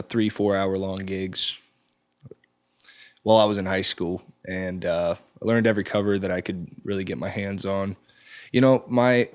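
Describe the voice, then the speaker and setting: A man in his twenties, a musician guest, talking in a relaxed, halting way with frequent ums in a studio interview. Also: low-pitched. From Czech Republic. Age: 20s. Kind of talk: casual interview chat. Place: recording studio.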